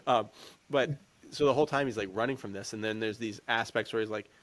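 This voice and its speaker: A man co-hosts a podcast, chatting about movies in a loose, rambling, slang-heavy way as casual film commentary. His voice is on the low side, brisk and a bit bright.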